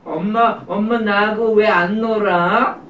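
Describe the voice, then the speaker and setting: Woman doing a whiny little girl puppet, childish, slow, echoey room, distant mic. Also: medium pitch, steady tone, fairly bright tone, a little hiss or hum, pitched above the performer's own voice. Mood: whiny jealous. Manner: whiny, pleading. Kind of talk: live puppet show for preschoolers. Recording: roomy, distant live room recording.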